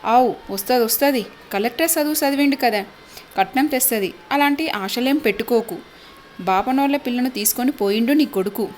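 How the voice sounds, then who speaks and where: A woman voicing a stern, gruff middle-aged village father who scolds. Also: fairly high pitch, moderate pace, soft background music, natural voice.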